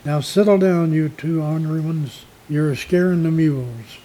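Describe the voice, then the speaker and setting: A man voicing a rough rural farmhand scolding two boys in a slow country drawl. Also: a little high, warm tone, slight background noise, close to an everyday voice, low-quality recording. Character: rough gruff male farmhand minding boys.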